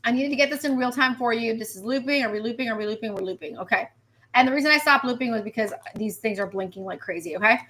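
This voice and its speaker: Woman, meteorologist, live weather stream, high voice, bright tone, chatty, repeats herself. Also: fast, a little hiss or hum. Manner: animated, repetitive, chatty; reacts to viewer comments. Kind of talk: live weather livestream commentary.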